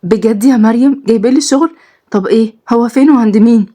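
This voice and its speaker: Lady doing a jumpy dramatic young egyptian girl, raised voice, fast. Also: a little high, dark tone, lightly acted. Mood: fretful. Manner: dramatic and fretful. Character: young woman on the run, anxious and dramatic.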